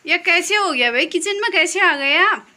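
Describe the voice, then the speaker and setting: A woman vlogger with a Pahadi accent from Uttarakhand, chatting in a lively, teasing way with her family. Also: very high voice, normal speed, dry recording. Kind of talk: casual family vlog chat.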